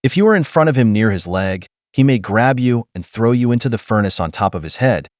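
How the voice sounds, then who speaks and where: A man giving scripted game walkthrough narration, explaining steps in a steady, instructional way. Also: mid-range voice, fairly quick, dry recording, clean studio sound.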